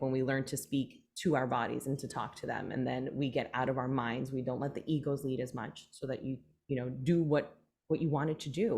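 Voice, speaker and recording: A woman hosting a casual podcast conversation, talking in an animated way with many fillers and restarts. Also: sits low. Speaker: podcast host.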